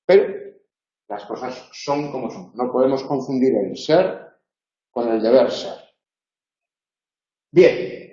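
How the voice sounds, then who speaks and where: A man's voice: medium pitch, animated, dark tone. Man lecturing in a roomy, dull-sounding room. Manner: explanatory, demonstrates sounds slowly. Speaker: university lecturer. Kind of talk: online tutoring lecture.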